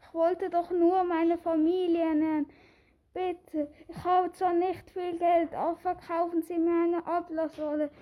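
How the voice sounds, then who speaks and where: A woman's voice: very high-pitched, flat delivery, measured pace, dull audio. A woman playing a poor, pleading, subdued peasant man in an amateur audio play. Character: poor pleading peasant man, desperate to save his family.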